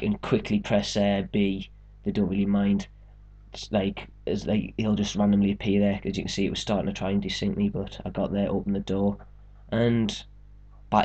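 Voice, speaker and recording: A man's voice: lowish voice, a little mellow, slightly rough, lo-fi sound. A young man casually talking through a game walkthrough, explaining steps and joking around. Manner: chatty, joking, explains step by step. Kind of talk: casual gameplay commentary.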